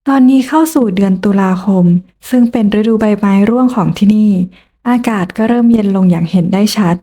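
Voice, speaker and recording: Mellow-voiced woman narrating a romance. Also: medium pitch, a little fast. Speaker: audiobook narrator. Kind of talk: first-person romance narration.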